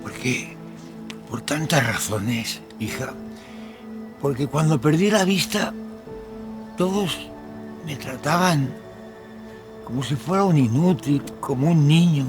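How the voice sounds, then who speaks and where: Guy doing a blind old landowner dad, grave and fatherly, kinda high voice, music under it. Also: lively intonation, takes it slowly, long pauses. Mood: tender. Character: blind older landowner father, firm and tender. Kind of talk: telenovela-style film acting.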